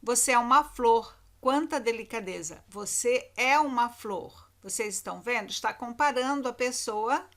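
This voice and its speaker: A woman with a Brazilian Portuguese accent, a teacher from Brazil, gives children a recorded lesson, repeating key words with emphatic intonation. She speaks at normal speed with few pauses, in a fairly bright, somewhat high voice.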